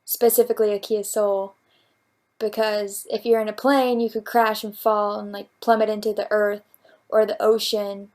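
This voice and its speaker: A woman's voice: medium pitch, little pitch movement, moderate pace, a little mellow. A woman vlogger answering viewer questions at home, in a playful, rambling, jokey casual chat. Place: at home, talking to her cat.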